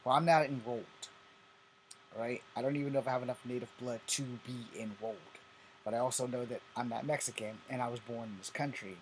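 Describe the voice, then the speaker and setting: A man's voice: medium pitch, fairly even intonation, fast talker, a little hiss or hum, low-quality recording. Blunt, profane man in his fifties. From Virginia, USA. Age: 50s. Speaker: vlogger host. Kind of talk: casual ranting vlog.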